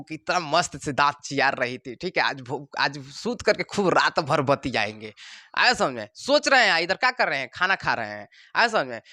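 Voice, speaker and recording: A man teaching a science class, animated and joking, acting out the parts of the body as little characters and checking again and again that the students follow. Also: sits high, no room sound, studio quality. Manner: keeps asking if students understood. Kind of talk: classroom lecture.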